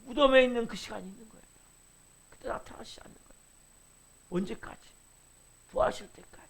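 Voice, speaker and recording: A middle-aged male pastor preaching a sermon with impassioned swells and sudden quiet drops. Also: very high-pitched, huge pitch swings, brisk, gravelly, husky.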